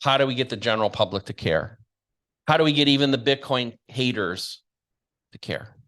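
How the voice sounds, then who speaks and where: A man hosts a talk show and delivers an opinionated monologue straight to his audience, blunt, combative and emphatic. His medium-pitched voice is a bit bright, with lively intonation at a normal speed.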